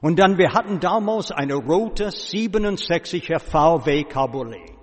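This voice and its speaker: Slow-talking man in a reverberant hall. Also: a little high, animated. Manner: storytelling, dropping to a hushed voice at serious moments. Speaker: speaker giving a personal testimony. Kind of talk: slow personal testimony before an audience.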